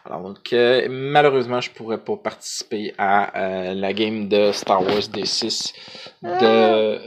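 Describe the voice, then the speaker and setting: A man's voice: on the low side, fairly even intonation, a little slow. A man with a Quebec French accent chatting casually to camera as a vlogger, hesitant and rambling, in colloquial slang.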